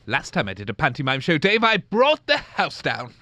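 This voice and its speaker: A man's voice: a little high, huge pitch swings, normal speed, pushed and bright. A British man performing a comic radio play with a blustering, laughing manner, music under his voice. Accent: British English. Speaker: comedy radio drama performer.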